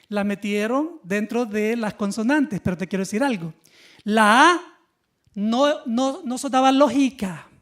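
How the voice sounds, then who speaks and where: The congregation gets questions throughout this Sunday sermon from a male pastor whose voice is very high. His preaching has a lively, instructive feel.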